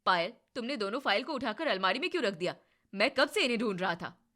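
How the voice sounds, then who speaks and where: A woman voicing a teasing young husband who scolds his wife, in a low, mock-sulky put-on voice. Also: moderate pace, pushed and bright. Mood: scolding.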